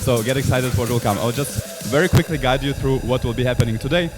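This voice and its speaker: A man hosts an online event presentation from home. He sounds energetic and upbeat, with a voice of middling pitch. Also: quick pace, over music. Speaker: event host. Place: at home on a couch.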